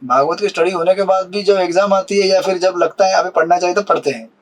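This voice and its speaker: A man with a notably high speaking voice delivers a Hindi sermon on scripture. He keeps turning to his listeners with questions and slips English words into his talk. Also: fast, low-quality recording. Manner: asks the audience questions, mixes English words. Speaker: spiritual teacher.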